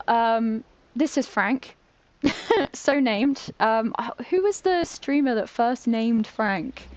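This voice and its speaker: A woman's voice: on the high side, highs cut off. A British woman streaming a game, chatting casually, giggling and poking fun at herself as she trips over words. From Britain. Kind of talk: casual live-stream chat while playing.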